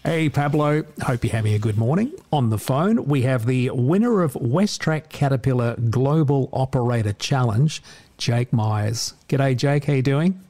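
A man's voice: medium pitch, animated, moderate pace, dark tone, faint music behind. Australian man interviewing casually, mid-range voice. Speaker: radio interviewer.

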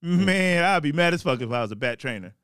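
A man's voice: fairly high pitch, expressive, a little fast, fairly bright tone, smooth, dry recording. A man co-hosting a comedy podcast, telling a story loosely with profanity and laughter.

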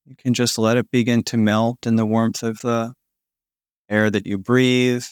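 A man narrating a guided sleep meditation in a slow, soothing manner with long pauses, like a sleep story narrator. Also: medium pitch, flat delivery, clear, resonant tone, dry recording, clean studio sound. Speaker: podcast host guiding a sleep meditation.

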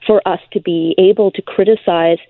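A Canadian woman, a politician, speaking in a measured, earnest way as a guest on a radio talk show over the phone. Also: on the low side, steady tone, no echo. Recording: tinny phone line.

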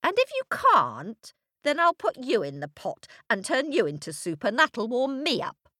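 A shrieking old storybook witch, greedy and menacing, put on by a woman narrator. The voice leaps high and swoops all over, crooning one moment and screeching the next, with a dry close sound. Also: huge pitch swings, measured pace, fairly bright tone, no room sound, exaggerated voice.

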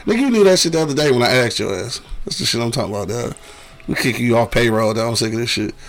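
A man's voice: mid-range voice, animated, very fast. A man hosting a casual radio show, bantering loosely with profane trash talk.

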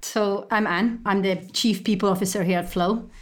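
A woman's voice: medium pitch, steady tone. Estonian-born woman in her thirties, articulate. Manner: measured, articulate, with frequent ums and small repeats. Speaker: guest, company executive. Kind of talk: conversational interview.

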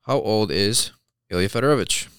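Late-20s American man, low, crisp voice, blunt casual talker. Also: normal speed, fairly bright tone, no echo, studio quality. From born in Belarus, moved to the US at three. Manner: blunt, slangy, sweary. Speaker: guest answering searched questions about himself. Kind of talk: casual chat.

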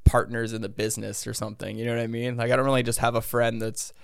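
An American man with a raspy vocal fry, chatting casually and ramblingly as a podcast guest. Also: mid-range voice, little pitch movement, fast, no room sound, clean studio sound. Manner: rambling, hedging, self-interrupting. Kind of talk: casual interview chat.

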